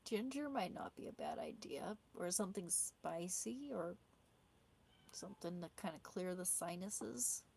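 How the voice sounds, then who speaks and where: Hosting a casual live stream on a small clip-on wireless mic, this woman talks with viewers and responds to their comments. Her voice sits low, with a measured pace and a creaky, darkish tone over a slight hiss or hum. A sore throat is wearing her voice down, so she often repeats words and restarts sentences.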